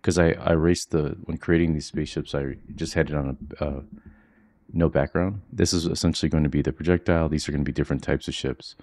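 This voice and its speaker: A man with a very deep, dark voice talks through a screen-recorded coding lesson. He keeps it quiet and flat, as if trying not to wake anyone at home. His pace is relaxed and chatty, with plenty of fillers. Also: fast. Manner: quiet, low-key monotone delivery; relaxed walkthrough with frequent fillers. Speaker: coding instructor. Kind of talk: screen-recorded software tutorial. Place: home, with children asleep nearby.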